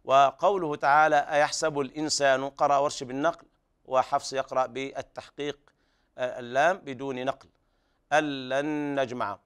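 Man teaching recitation, smooth clear voice. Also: medium pitch, fairly bright tone. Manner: explains tajweed rules, then slowly chants verses as examples. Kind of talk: televised recitation lesson.

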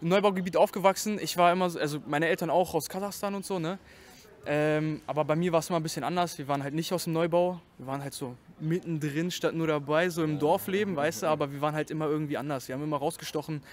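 Higher-voiced young man telling stories. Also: steady tone, quick pace. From Germany. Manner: slangy, storytelling, loose. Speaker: rapper guest. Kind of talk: casual chat.

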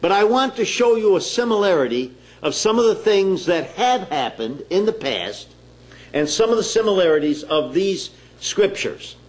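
A man preaching a sermon in a slow, deliberate, emphatic way, pausing between phrases. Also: high-pitched, big pitch swings.

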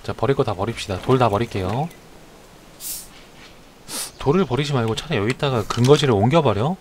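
Excitable man streaming a survival game. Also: medium pitch, fairly quick, background noise. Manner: chatty, narrates each move, shouts excitedly at fights. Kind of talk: live game commentary.

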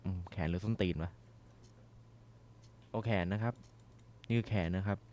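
A young man commentating a horror game as he plays, swearing and shouting when startled. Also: on the low side, steady tone, normal speed. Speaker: gaming streamer.

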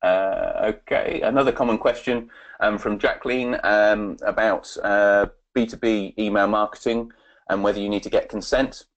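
Deep-voiced man, halting webinar talk. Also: fairly even intonation, lo-fi sound. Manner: halting, many fillers and restarts. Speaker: webinar presenter and consultant. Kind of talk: webinar presentation and Q&A.

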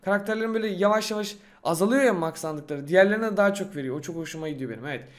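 A young man giving casual, excitable gameplay commentary, talking to himself and boasting in slangy speech. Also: high-pitched, rapid-fire. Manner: excitable, talks to himself while playing. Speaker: gaming YouTuber.

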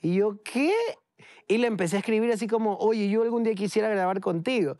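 A young man with an Ecuadorian accent, a guest in a TV studio, telling stories in an animated way and laughing often. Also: sits high, quick pace, no room sound. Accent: Ecuadorian Spanish. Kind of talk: casual interview chat.

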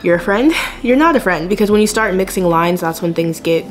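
A woman's voice: on the low side, animated, fairly quick. A young adult woman vlogging to camera in a casual, candid and confiding way.

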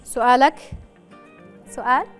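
A woman's voice: sits high, normal speed, soft background music. A woman with a Yemeni accent presenting a live phone-in game show, chatting and playfully teasing callers. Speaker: host of a televised phone-in quiz show.

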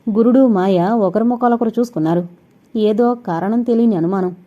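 Woman reading a thriller novel aloud, mellow warm tone, kinda dull lo-fi audio. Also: mid-range voice, normal speed. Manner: steady storytelling reading. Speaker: audiobook narrator. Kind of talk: scripted novel narration. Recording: dull lo-fi recording.

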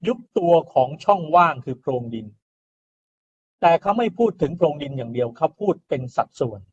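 In this informal recorded lecture, a male engineering lecturer works through the material step by step, frequently checking in with "right?" and adding polite particles. His voice sits on the high side with a sing-song lilt, he speaks at a moderate pace, and the audio is dull.

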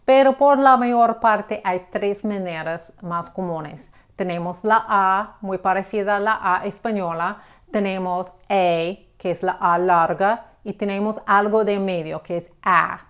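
A woman teaching English pronunciation, explaining slowly and checking in with the listener as she gives examples. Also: mid-range voice, smooth. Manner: patient, repeats examples, checks with "ok?". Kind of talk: slow explanatory lesson.

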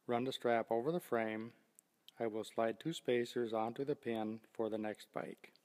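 Older male demonstrator, scripted instructional read, steady and methodical, voice carries a lingering reverb. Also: medium pitch, moderate pace. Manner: steady, methodical step-by-step explaining. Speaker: product demonstrator.

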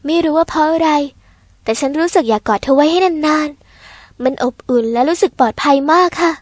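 A woman with a high, light voice narrates a first-person audio novel in a gentle, polite storytelling manner. The recording is close and dry, with no room sound around her. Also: brisk, no echo.

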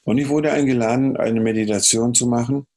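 A man from Chile with a Chilean Spanish accent, a music producer telling animated stories in a podcast interview, humming melodies and acting out dialogue. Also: mid-range voice, a little fast. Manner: animated storyteller who hums melodies and acts out dialogue. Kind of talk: casual podcast interview storytelling.

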